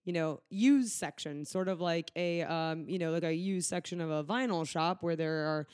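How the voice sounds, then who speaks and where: Man, podcast co-host, casual rambling chat, joking asides, slightly high voice. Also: moderate pace, a little mellow, smooth, no echo, clean studio sound.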